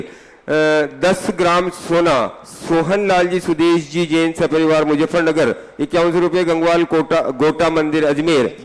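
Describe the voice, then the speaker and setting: A man announcing callers and reading out lists of donations in a formal, steady way. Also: on the high side, big-room sound, low-quality recording. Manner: reads lists of names steadily.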